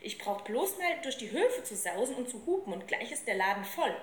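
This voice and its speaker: A woman's voice: a little high, big pitch swings, fairly quick. A woman reading aloud, voicing a cheeky, slangy street boy. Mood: brash. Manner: brash, slangy, eager. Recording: roomy with faint ambience.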